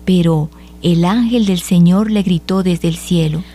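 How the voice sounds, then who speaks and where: A woman reading scripture aloud at a measured, solemn pace for a liturgy. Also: lowish voice, dark tone. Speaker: liturgical reader.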